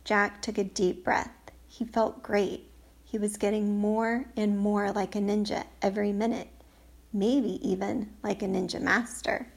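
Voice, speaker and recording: A woman's voice: mid-range voice, flat delivery, unhurried, creaky. A woman reading a children's storybook aloud, lifting her voice for the characters' lines. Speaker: audiobook reader. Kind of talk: storybook narration.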